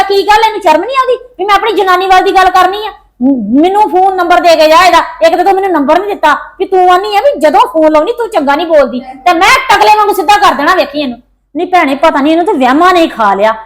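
A woman playing a sharp-tongued bossy elder sister. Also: extremely high pitch. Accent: Punjabi. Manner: scolding, bossy and fast-talking. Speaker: older sister character. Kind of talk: Punjabi family drama acting.

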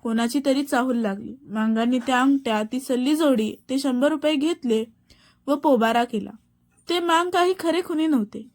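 A woman reading a classic novel aloud as a storyteller, in a steady, measured way, voicing quoted lines plainly. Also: sits high.

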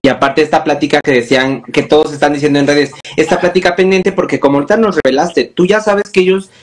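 Fast-talking man interviewer. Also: on the high side, fairly even intonation. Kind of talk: show interview.

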